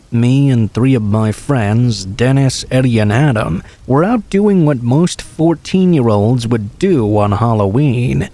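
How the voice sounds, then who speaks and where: A man's voice: mid-range voice, dark tone, no room sound. Man narrating scary stories, dry voice. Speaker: horror story narrator. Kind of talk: scripted first-person story narration.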